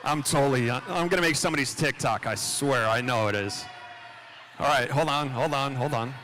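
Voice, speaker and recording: A man announcing a swim meet over the PA, upbeat and hyped, rattling off lane lists quickly. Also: mid-range voice, fairly bright tone, slight background noise. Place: indoor aquatic center.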